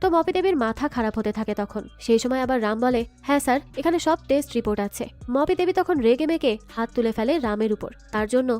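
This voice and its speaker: A woman's voice: fairly high pitch, expressive, fast talker, hardly any pauses, darkish tone. A woman narrating a movie recap in a scripted style, reading the characters' lines aloud herself with a slightly lifted voice. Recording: background music.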